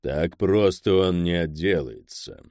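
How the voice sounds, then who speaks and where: A man voicing an old, stern crime boss who speaks slowly and curtly, grumbling his orders. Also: deep voice, lively intonation, a little mellow, dry recording, studio quality, full character voice. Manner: slow, curt, grumbling.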